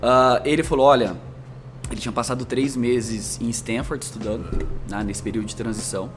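A male guest with an interior São Paulo accent and a rolled caipira R tells long, flowing stories at a middle pitch. He talks in a relaxed conversational way. Faint music plays underneath. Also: fairly quick. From Brazil, Minas Gerais, raised in interior São Paulo. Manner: animated storyteller, long flowing anecdotes. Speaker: marketing executive guest. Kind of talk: conversational storytelling.

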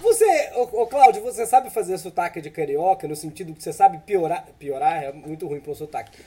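A man's voice: high voice, animated, fairly quick, warm tone, husky. A man from Belo Horizonte with a Brazilian accent, chatting casually and telling short jokes. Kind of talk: casual comedic chat and joke telling.

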